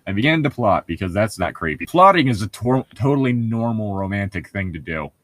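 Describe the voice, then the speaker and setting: Co-hosting a comedic book-reading show, a man banters casually, sarcastic and teasing and quick to laugh. His fairly low voice swings widely in pitch, moves fairly fast, sounds a bit bright, and carries no room sound.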